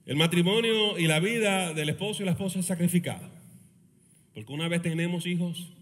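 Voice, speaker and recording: A male pastor preaching a sermon, animated and joking, with many rhetorical questions. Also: high-pitched, brisk. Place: church meeting in a school hall. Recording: reverberant hall.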